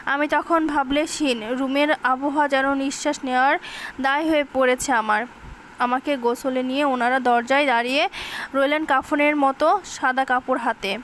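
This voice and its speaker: A woman's voice: high voice, fairly even intonation, moderate pace, fairly bright tone, a little hiss or hum. A woman narrating a grief-stricken short story in an emotional audiobook reading, giving voice to the wailing characters as well.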